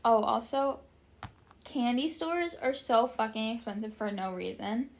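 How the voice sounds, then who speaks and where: A woman's voice: a little high, measured pace. A young woman hosting a casual solo podcast, rambling and chatty, with lots of "like" and casual swearing. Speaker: podcast host.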